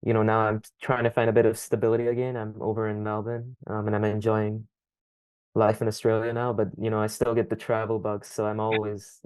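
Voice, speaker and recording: Soft-spoken man, hesitant and flat. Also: on the low side, a little fast, clear, resonant tone, no room sound. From Scotland. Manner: thoughtful, hesitant, frequent ums. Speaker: podcast guest. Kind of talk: casual interview answers.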